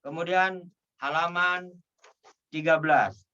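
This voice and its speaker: A man teaching Quran recitation who patiently draws out each syllable and repeats it in a slow drill. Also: fairly high pitch, steady tone, pushed and bright, clean tone, recorded from a distance, muffled recording. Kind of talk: slow pronunciation drill lesson.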